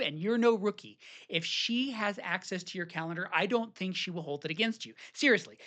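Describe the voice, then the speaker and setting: A man with a high-pitched, fairly bright voice works as a marriage therapist. He delivers a scripted advice talk aimed at husbands, coaching them earnestly and acting out sample phrases.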